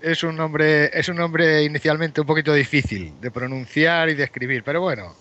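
A man, an advisor guest on a radio chat, calm and agreeable, explaining step by step. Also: fairly high pitch, moderate pace. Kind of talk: casual radio interview. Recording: dry, dull lo-fi sound.

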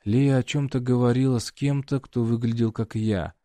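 A man narrating a first-person fiction audiobook in a steady storytelling read. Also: medium pitch, normal speed, no echo.

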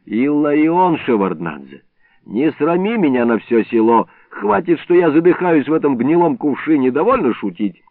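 Man playing an old villager, pleading and cursing, fairly high voice, thin phone-like sound. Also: very animated, moderate pace, no room sound. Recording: tinny phone-like band, dry.

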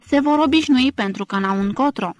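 A woman's voice: sits high, pitched above the performer's own voice, natural voice. A woman reading the lines of a sly, knowing male guest at an inn, speaking in an assured, sententious way.

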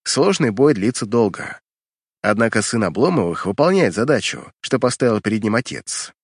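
A man's voice: fairly low pitch, very animated, moderate pace, breathy edge, no room sound, clean studio sound. A man narrating fiction from a script as an audiobook reader, in a dramatic storytelling style.

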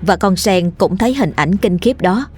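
Female ghost-tale narrator, steady and lowish, soft music under her. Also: moderate pace, slightly rough. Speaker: storyteller.

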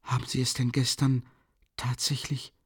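A frightened young woman, timid and trembling, asks her questions in a hushed, breathy voice, as a man puts her on. The voice sits well above the reader's own. It is recorded close and dry. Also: mid-range voice, measured pace, dry recording, pitched above the performer's own voice. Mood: whispered fear. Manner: anxious, breathy and hesitant.

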